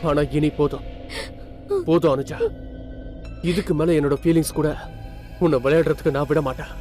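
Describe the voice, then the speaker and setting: Brief: male actor as a wounded, accusing young lover, high-pitched for a man, soft music under him. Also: flat delivery, moderate pace, natural voice. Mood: bitter, accusing. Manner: pleading then bitterly accusing, emphatic. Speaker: actor in a TV serial. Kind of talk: dubbed TV drama dialogue.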